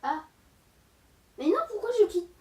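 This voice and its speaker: Her voice is very high, with lively intonation and a measured pace, slightly mellow in tone. She's a young gaming YouTuber with a mild cold and sore throat, giving loose gameplay commentary full of fillers. The mic sits far away in a roomy space, picking up a little hiss or hum.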